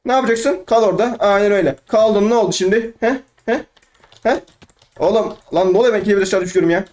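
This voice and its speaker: A young man giving excitable, rambling let's play commentary, trash-talking opponents and talking to himself. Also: high voice, quick pace. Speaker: gaming YouTuber.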